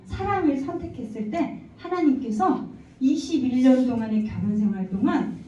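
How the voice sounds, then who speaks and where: A woman's voice: high voice, expressive, normal speed, warm tone. Earnest woman testifying in an echoey church hall. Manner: earnest storytelling, acting out dialogue. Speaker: church member giving testimony. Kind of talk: personal testimony to a congregation. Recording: echoey hall, distant mic, dull lo-fi sound.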